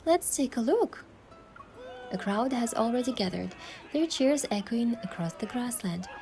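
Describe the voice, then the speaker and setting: Her voice a little high, mellow and expressive, a woman narrates at a measured pace as a reflective young heroine in a romance game. The first-person telling is earnest and affectionate, set against music.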